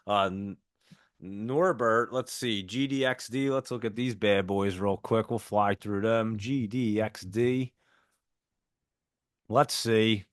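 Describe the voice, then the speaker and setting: A fairly low-pitched, slightly bright man's voice with a clean tone comes through a dry, clean studio recording. He has a heavy New Jersey accent and hosts a live trading stream, chatting casually about stock picks and reading viewer messages and ticker symbols aloud.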